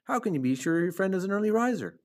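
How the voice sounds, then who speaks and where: A man's voice: high voice, sing-song, quick pace, pitched above the performer's own voice. A man voicing a stern old sheep in a storybook, lecturing in a disapproving manner. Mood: scolding.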